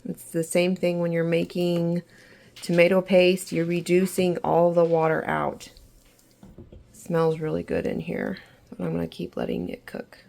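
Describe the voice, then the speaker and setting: A woman getting over an illness, talking through a kitchen canning tutorial in a relaxed, instructive way and repeating reminders. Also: on the low side, unhurried, creaky, poor audio. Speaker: home canning vlogger. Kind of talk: casual step-by-step kitchen tutorial. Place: home kitchen.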